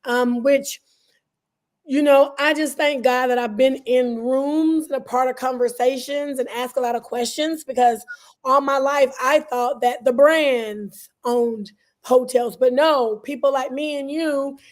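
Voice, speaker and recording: A high-voiced woman from the talks as an interview guest, her easygoing. Her voice is a little hoarse and scratchy, and she explains things in a conversational way over a video call. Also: fairly even intonation, measured pace. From Southern US, Alabama and Georgia. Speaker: guest, entrepreneur. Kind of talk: interview answers.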